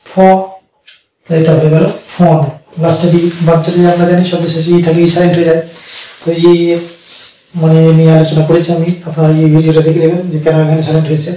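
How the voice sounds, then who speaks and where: A man teaching an English pronunciation lesson, explaining slowly and repeating each word. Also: a little high, monotone, dark tone, very echoey, recorded from a distance, a little hiss or hum, poor audio. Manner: slow, repetitive explaining with fillers.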